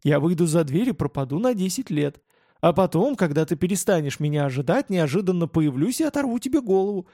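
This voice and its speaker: A man's voice: high-pitched, very animated, fairly quick, warm tone, no echo, clean studio sound, full character voice. A man doing a cocky, mocking young bodyguard. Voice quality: mocking, cutting. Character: cocky young male bodyguard, sharp-tongued.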